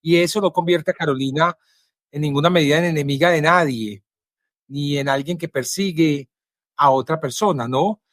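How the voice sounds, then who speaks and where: A male journalist with a Colombian Spanish accent, introducing his guest and asking questions in a measured, earnest way with frequent pauses. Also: a little high, a bit bright, no echo, studio quality. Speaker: journalist and interviewer.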